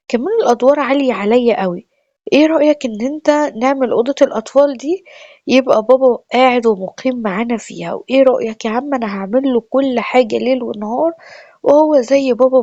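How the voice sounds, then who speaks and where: A woman's voice: fairly high pitch, darkish tone, no echo. A woman with an Egyptian Arabic accent telling a personal family story in a chatty, confiding, emotional way. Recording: dull lo-fi dry recording.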